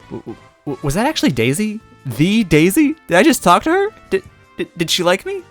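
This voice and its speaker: A man's voice: mid-range voice, sing-song, fast talker, a bit bright, soft background music, pitched above the performer's own voice. A man doing a spunky, stammering young woman. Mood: excited. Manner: stammering, gushing. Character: excitable young female archaeologist, stammering, spunky.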